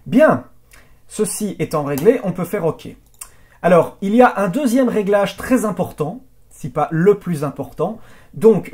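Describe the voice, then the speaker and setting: A man's voice: high-pitched, darkish tone. Male trainer, casual screen-tutorial delivery, lots of fillers and restarts, checks in with viewers. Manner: explanatory, halting with many fillers and restarts; addresses viewers directly with check-in questions. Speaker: video editing trainer. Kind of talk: screen-recorded software tutorial.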